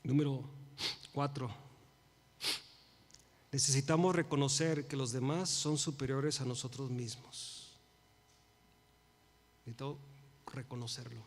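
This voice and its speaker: A man in his forties preaching a sermon, swinging from loud emphasis to hushed pleas and dropping English phrases into his Spanish. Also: mid-range voice, steady tone, unhurried, long pauses, in a large hall. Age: 40s. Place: church sanctuary.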